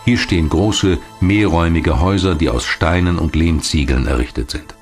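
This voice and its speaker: A male documentary narrator with a deep, low-pitched voice reads scripted material in a measured, factual way, presenting each sentence as information. His tone is a little mellow, and faint music plays behind him.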